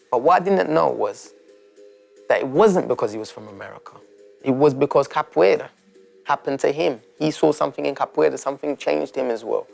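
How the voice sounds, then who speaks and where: In a documentary interview, a young Turkish man recounts his life story, reflective and halting, restarting often. His voice sits a little high and carries vocal fry.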